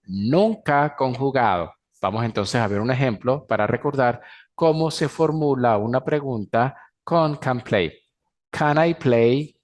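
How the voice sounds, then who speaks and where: A man teaching an English grammar class in Spanish, pronouncing the English example sentences slowly and clearly. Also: medium pitch. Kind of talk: recorded class lecture.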